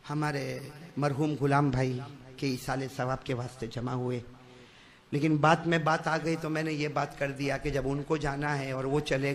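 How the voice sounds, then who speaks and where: A middle-aged male preacher, giving a live sermon that swings from quiet coaxing to shouted fervor as he urges the crowd to answer back. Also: a little high.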